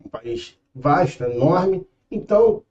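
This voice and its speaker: A man's voice: fairly high pitch, animated, slow, darkish tone, echoey room, lo-fi sound. A young man with a Rio de Janeiro accent teaching an exam-prep lesson in a casual, patient way, often checking in with his students. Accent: Rio de Janeiro Brazilian Portuguese.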